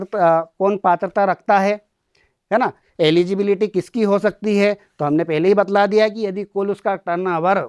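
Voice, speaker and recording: A male college lecturer, speaking in a fairly high voice. He walks through the material step by step, repeating key terms and posing questions he then answers himself. The sound is dry and close. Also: clean tone, dry recording. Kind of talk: classroom lecture on tax returns.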